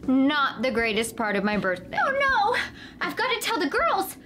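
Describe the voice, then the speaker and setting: Very high, gushing princess. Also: female voice, huge pitch swings, moderate pace, heavy background noise. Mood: panicked. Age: young adult. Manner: gushing, exclamatory. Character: sweet, excitable young princess, dramatically girlish. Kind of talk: children's costume comedy skit acting.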